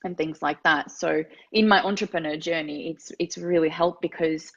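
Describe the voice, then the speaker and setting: A woman's voice: sits low, steady tone, moderate pace, a bit bright. A woman in her thirties from Finland, a podcast guest telling her life story in an earnest way and often repeating words as she thinks. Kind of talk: personal story interview. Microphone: remote call. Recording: dull lo-fi call audio.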